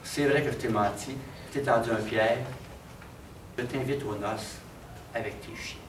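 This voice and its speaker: A man with a Québécois accent voicing a scheming king who gives low, conspiratorial orders. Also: a little slow, noisy background, natural voice. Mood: contrite. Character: scheming middle-aged king, sly and commanding. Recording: roomy, distant mic, faint background.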